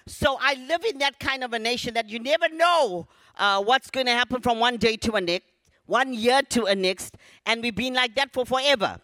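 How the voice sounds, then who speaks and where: High-voiced preacher, bright tone. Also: male voice, no echo. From Zimbabwe. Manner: emphatic, calls on the congregation to repeat lines. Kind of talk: sermon.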